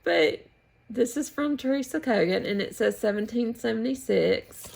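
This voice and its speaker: An American woman showing her needlework at home in a relaxed, meandering way with pauses and restarts. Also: fairly high pitch, creaky. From United States. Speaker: flosstube host. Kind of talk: casual show-and-tell chat.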